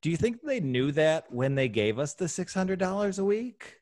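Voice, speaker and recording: A man's voice: fairly high pitch, big pitch swings, moderate pace, a little mellow. A man co-hosting a podcast, joking and asking the guest pointed questions in casual chat. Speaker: podcast co-host.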